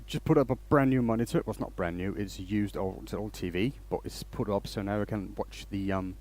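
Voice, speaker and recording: Male livestream host, lowish voice, loose rambling chat while working at the lathe. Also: fairly quick, darkish tone. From Denmark. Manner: rambling, restarts sentences, greets chat viewers by name. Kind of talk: casual live-stream chat while working.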